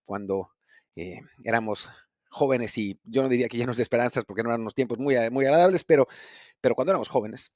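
A man's voice: mid-range voice, fast, a little mellow, no echo, studio quality. Chatty Mexican man hosting a podcast. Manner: chatty and rambling, many fillers and self-corrections. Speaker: podcast host. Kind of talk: solo podcast commentary.

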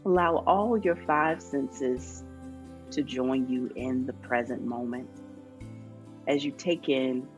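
A woman podcast host gently and calmly leading a guided grounding exercise. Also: very deep voice, slow, soft background music.

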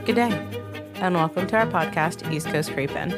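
A woman's voice: on the low side, normal speed, over loud music. A middle-aged woman from the Baltimore area co-hosting a casual true crime podcast, playful and giggly in banter with her sisters. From Baltimore, Maryland area. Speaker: podcast co-host. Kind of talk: casual chat.

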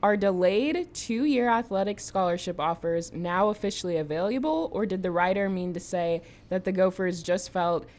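Female show regular, lower pitch, steady read-aloud questions. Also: moderate pace, hardly any pauses. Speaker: question reader. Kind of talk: reading listener questions.

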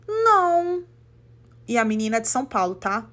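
Brazilian woman, podcast host, casual storytelling, indignant, animated, slightly high voice. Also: rapid-fire. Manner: animated, indignant, acts out quotes. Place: living in the United States.

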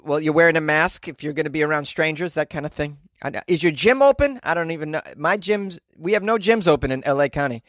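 Joking higher-voiced man hosting a podcast. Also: fairly bright tone, dry recording, clean studio sound. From Boston, United States. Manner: joking, self-deprecating, profane asides. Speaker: podcast host. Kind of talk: casual, rambling podcast outro. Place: small closet, indoors.

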